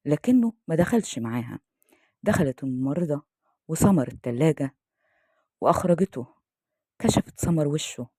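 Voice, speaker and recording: A woman with an Egyptian accent narrating a story in a calm, devout way. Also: low voice, slightly rough, no echo, clean studio sound. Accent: Egyptian Arabic.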